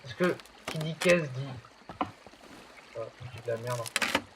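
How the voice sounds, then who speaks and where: A man's voice: medium pitch, a little slow, very noisy. A man chatting casually while playing a video game, joking and rambling with fillers. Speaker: gamer. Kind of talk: casual gaming chat.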